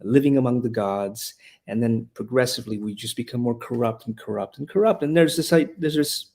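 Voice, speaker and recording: A man from Honduras speaks briskly in a darkish, mid-range voice as a guest on a podcast interview. He leads a classical school and teaches rhetoric, and he talks earnestly and passionately, often restarting phrases.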